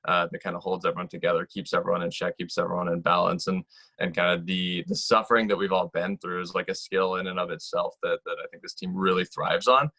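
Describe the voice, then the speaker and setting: Deep, flat-voiced young man, earnest. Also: fast, no echo. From Texas. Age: 20s. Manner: earnest, repeats words often. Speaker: team member. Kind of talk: casual team introduction.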